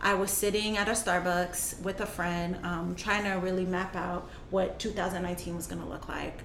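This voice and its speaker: A young woman who manages a climate justice program appears as a guest on an interview show, telling her story earnestly and conversationally and laughing easily. Her voice is on the low side, level, gravelly, and fairly bright at a moderate pace, in an echoey room with faint noise.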